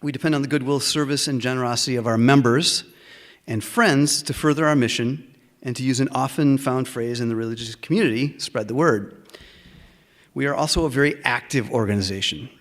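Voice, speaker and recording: A man opening a community gathering as its vice president, giving welcome announcements at a halting pace full of uh and um fillers. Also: mid-range voice. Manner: halting, frequent uh and um fillers, tries to slow down. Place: meeting room with a live audience.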